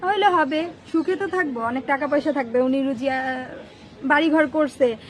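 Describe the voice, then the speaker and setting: A twenty-year-old woman with a Bangladeshi accent answers casual interview questions about her personal life as a guest. Her voice is high, and she talks at a normal speed.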